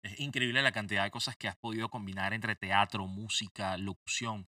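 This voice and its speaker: A man hosting a pop culture interview show with a lively, ironic delivery. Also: on the low side, fairly quick, no echo, studio quality, distant mic. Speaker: host.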